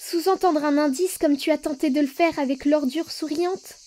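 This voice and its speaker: A woman's voice: sits high, normal speed, mellow, a little hiss or hum, close to an everyday voice. A woman voicing a determined human child in a fan dub of a game. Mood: cool, challenging. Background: music.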